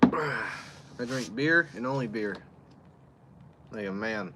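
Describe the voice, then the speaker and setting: With a mid-range voice and lively intonation, a man takes it slowly, sounding pushed and bright against slight background noise. He's livestreaming a beer review outdoors in the chill, rambling and responding to his chat in loose, plain-spoken fashion.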